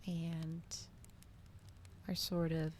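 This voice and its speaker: Speaking very slowly in a deep, monotone voice, a woman streams a live ASMR reading. Her soft, gentle delivery often slides toward a whisper as she chats casually and somewhat hesitantly with her audience. She uses a standard microphone, not an ASMR model, and crackling fireplace ambience is audible behind her.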